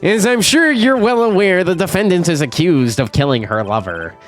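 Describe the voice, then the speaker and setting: A man's voice: sits high, lively intonation, moderate pace, soft background music, voice pushed up. A man doing a nerdy, smug prosecutor. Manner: snide, nerdy delivery. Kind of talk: video game voice-over for a stream.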